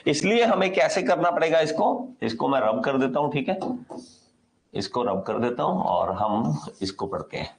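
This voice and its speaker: A man's voice: medium pitch, big pitch swings, low-quality recording. Indian guy teaching engineering, keeps repeating stuff and quizzing the class, voice jumps around a lot. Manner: slow dictation when reading out a definition. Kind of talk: classroom lecture.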